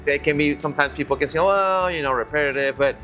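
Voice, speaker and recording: A man's voice: fairly high pitch, quick pace, pushed and bright, soft background music. Man, easygoing podcast co-host. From Venezuela. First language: Spanish. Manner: friendly, easygoing, repeats words while thinking. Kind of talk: casual podcast chat.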